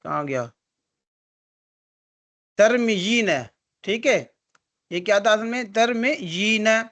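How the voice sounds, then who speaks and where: A man's voice: high-pitched, lively intonation, fairly bright tone. A male teacher giving an online grammar lesson, explaining step by step and answering his own questions. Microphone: video call.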